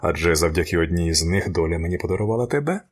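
A gentle earnest doctor. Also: male voice, low voice, lively intonation, rapid-fire. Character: kind male doctor, devoted husband.

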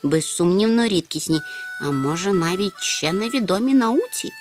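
A woman voicing a slow-witted, mild-mannered male creature obsessed with rare insects, who mutters to himself. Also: on the low side, lively intonation, music in the background, close to an everyday voice. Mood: pedantic.

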